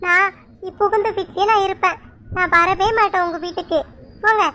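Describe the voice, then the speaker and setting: A woman's voice: very high voice, fairly even intonation, fairly quick, sharp tone, slight background noise. A woman voicing a sulky, teasing young bride daughter in a cartoon, talking in a whiny, pleading way. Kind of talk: cartoon voice acting.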